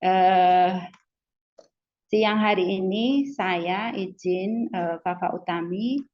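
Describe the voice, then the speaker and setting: A woman from Solo, a lecturer speaking politely and haltingly on a webinar, filling her pauses with soft hesitations. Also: mid-range voice. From Solo, Central Java. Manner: slow, polite, many hesitant fillers. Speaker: lecturer and expert panelist. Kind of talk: formal webinar talk. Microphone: video call. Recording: dull lo-fi video call audio.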